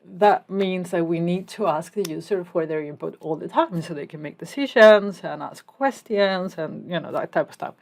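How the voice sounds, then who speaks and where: A woman from Spain teaches programming through a casual, step-by-step tutorial, typing as she explains and adding offhand remarks. She speaks at a moderate pace with few pauses, in a lowish voice with a darkish tone.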